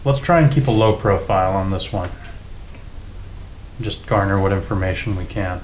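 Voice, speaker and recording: A man's voice: low-pitched, moderate pace. Male tabletop player, roomy echoing sound. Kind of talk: casual in-character role-play. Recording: roomy echo, faint room noise.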